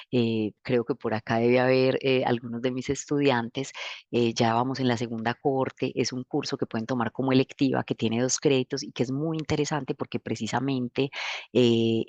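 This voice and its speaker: A man's voice: mid-range voice, no echo, lo-fi sound. A man with an Antioquian Colombian accent, a university international relations official giving a formal address to students, earnest and often hesitating with fillers. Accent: Antioquian Colombian Spanish.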